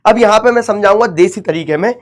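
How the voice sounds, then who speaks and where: Young indian guy teaching maths, high voice, keeps repeating himself to the kids. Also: fast talker. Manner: chatty, repetitive, coaxing students. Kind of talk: energetic exam-prep lecture.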